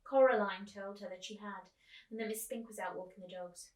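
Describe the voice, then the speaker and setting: In an echoey room, far from the microphone, a teacher reads a children's book aloud as a storytime reader. Her voice is medium-pitched and steady, and she reads fairly quickly.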